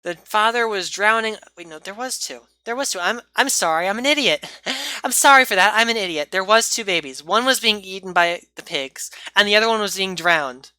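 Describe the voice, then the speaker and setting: A woman's voice: mid-range voice, lively intonation, brisk, few pauses, bright, forceful tone, dry recording. A woman giving a casual, rambling movie review, often stopping to correct herself and apologize.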